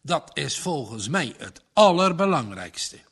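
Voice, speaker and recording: Casting: calm young son, steady and sincere, husky tone, a man reading. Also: fairly high pitch, a little slow, heavily acted. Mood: firm. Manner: steady, earnest. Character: earnest young farmer's son, calm, firm.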